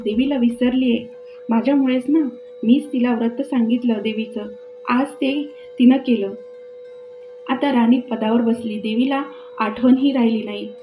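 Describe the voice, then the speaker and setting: Give me a slow, scolding old beggar woman, as a woman storyteller puts her on, slightly high, over faint music. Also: phone-quality sound, lightly acted.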